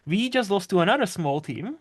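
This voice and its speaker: A man's voice: sits high, sing-song, fairly quick, no room sound, studio quality. A young man from the Czech Republic with a Czech accent, hosting a casual podcast chat in a rambling, chatty way. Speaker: podcast host.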